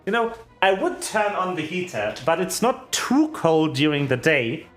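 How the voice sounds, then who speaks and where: A woman streaming a video game from home, chatting casually with relaxed, wry asides to herself. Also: fairly low pitch, a little slow, faint music behind. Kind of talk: casual livestream gameplay chat.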